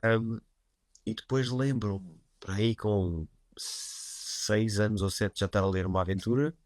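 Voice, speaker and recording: A man with a European Portuguese accent, a writer chatting as a guest in an interview, relaxed and self-deprecating, full of casual fillers. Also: fairly low pitch, unhurried, no room sound, studio quality. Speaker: guest writer and writing teacher.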